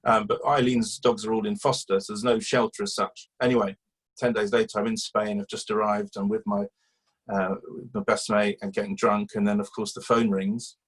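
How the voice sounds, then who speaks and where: Husky man telling a story. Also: on the low side, level tone, normal speed, rough recording. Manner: chatty, rambling with fillers and restarts. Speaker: guest, animal welfare campaigner. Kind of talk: casual interview storytelling.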